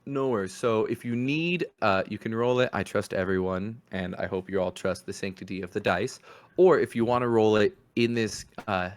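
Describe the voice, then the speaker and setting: A man narrating a tabletop game as game master, rambling in a relaxed way with lots of fillers. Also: on the low side, moderate pace, smooth.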